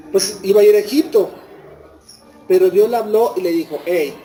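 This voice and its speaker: A man's voice: very high voice, a little mellow, rough recording. A man with a Mexican Spanish accent preaching a sermon to a congregation. He retells scripture as a story and puts rhetorical questions to his listeners.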